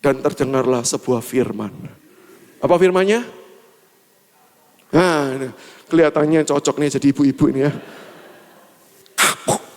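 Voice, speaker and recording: A man's voice: a little high, moderate pace, pauses often, a little mellow, big-room sound. A man from Surabaya preaching a storytelling sermon, acting out scenes animatedly during a church service. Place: assembly hall church service.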